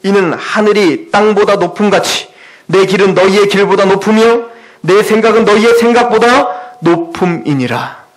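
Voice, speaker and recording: A male pastor delivering an impassioned sermon, swinging between loud urgent lines and quiet, earnest ones. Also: high-pitched, normal speed, rough recording.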